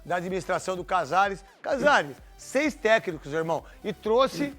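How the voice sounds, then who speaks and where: A man's voice: high-pitched, big pitch swings, moderate pace, a bit bright, soft background music. A middle-aged man hosting a heated sports panel, teasing and talking over the others. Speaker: panel show host. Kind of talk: heated casual sports chat.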